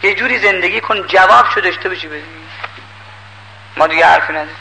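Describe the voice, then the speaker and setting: An older man preaching a sermon in a lively, emphatic way, pleading with and scolding his listeners. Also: sits high, vocal fry, a little hiss or hum, poor audio.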